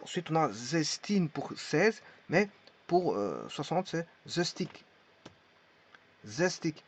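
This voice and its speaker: A man teaches a spoken language lesson slowly, hesitating and repeating each word to demonstrate how it's pronounced. He's a language teacher with a slightly high, sing-song voice, recorded in dull lo-fi sound.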